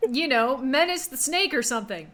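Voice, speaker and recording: A woman's voice: sits high, animated, normal speed, background noise. A woman trading dry, offhand improvised banter as a player in a tabletop game.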